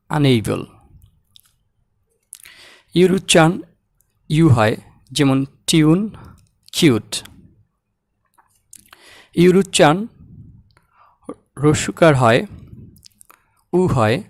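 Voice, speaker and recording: A man teaching English pronunciation, saying example words slowly and repeating them. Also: fairly high pitch, darkish tone, dry recording, clean studio sound. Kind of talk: slow, deliberate language lesson.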